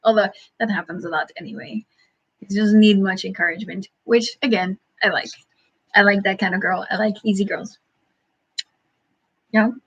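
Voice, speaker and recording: A woman hosting a casual livestream, answering chat questions in a halting, thinking-aloud way with frequent chuckles. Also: medium pitch, fairly even intonation, husky, muffled recording.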